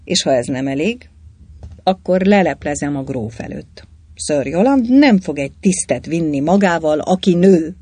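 A reader voicing a bold, mysterious man who gives brisk orders, in a storybook reading. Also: medium pitch, animated, a little mellow, breathy edge, no echo. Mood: commanding.

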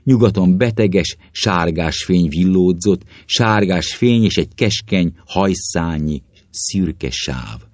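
A man narrating an adventure story in a theatrical, expressive reading style. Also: low-pitched, hardly any pauses, no room sound. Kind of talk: dramatic audiobook narration.

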